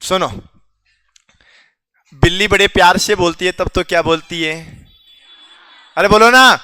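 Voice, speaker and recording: High bright-voiced man teaching a class. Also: flat delivery, moderate pace, smooth, no room sound. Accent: Rajasthani Hindi. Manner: quizzing students, teasing and joking.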